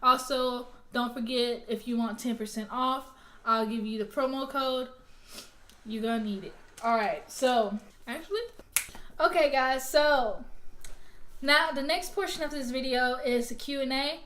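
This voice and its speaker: A woman's voice: high voice, measured pace, a bit bright. A young woman from Alabama, chatting casually to her viewers in an unboxing vlog and Q&A, rambling and drifting off track. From Alabama, US South. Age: young adult. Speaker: vlogger.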